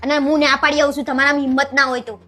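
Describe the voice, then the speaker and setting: A woman's voice: sits high, level tone, bright, forceful tone, faint music behind. A woman playing a nagging, scolding wife in a comedy skit. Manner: scolding, nagging, fast talk.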